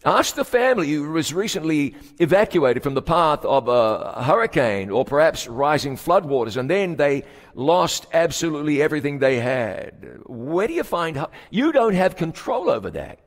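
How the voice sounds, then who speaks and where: The sermon comes from a man acting as pastor, his pitch fairly high, who elongates key words and turns hushed during solemn passages. His voice echoes with a long hall reverb.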